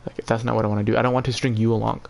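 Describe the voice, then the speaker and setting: A man venting casually on a livestream in an emotionally drained, halting, repetitive and profane way. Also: fairly low pitch, little pitch movement, gravelly, darkish tone. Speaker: live streamer.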